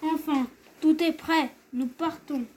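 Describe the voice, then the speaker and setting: A woman reading as an urgent inventor father, high voice. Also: fairly even intonation, slow pace, a little hiss or hum. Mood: urging. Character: clever determined older father inventor.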